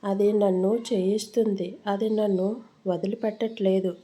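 A secretive village mother-in-law in her fifties, as a woman storyteller puts her on, talking in a sharp, fearful way. Her tone stays mellow and warm, set at an ordinary middle pitch. She sounds like a character in a spoken storybook. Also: fairly even intonation, normal speed, breathy edge, lightly acted. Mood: tense.

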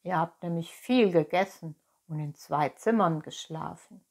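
A woman's voice: lowish voice, unhurried, darkish tone. A woman doing a brusque innkeeper. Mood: firm. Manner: firm, businesslike. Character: brusque male innkeeper, grown man.

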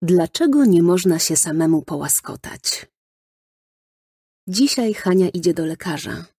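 A woman narrating a children's storybook in a lively storytelling manner, recorded close in a studio. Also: fairly low pitch, measured pace, breathy edge, no echo. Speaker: audiobook narrator.

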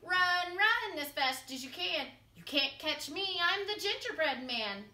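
A woman voicing a boastful runaway gingerbread man who shouts his taunts in a high sing-song chant. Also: animated, measured pace, heavily acted. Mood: taunting. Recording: roomy echo from a distance.

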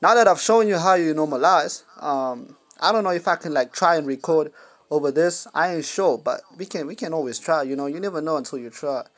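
A man's voice: on the high side, fairly quick. A young man hosting a casual music-app tutorial, rambling with lots of fillers and slang. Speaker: music production tutorial host. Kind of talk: casual screen-recorded tutorial.

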